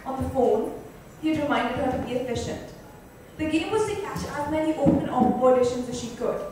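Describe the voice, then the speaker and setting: Briskly narrating prose for a dramatic book reading, a high-voiced woman sounds heavily echoey, recorded from afar in an indoor club lounge. Faint noise sits under the reverberant sound.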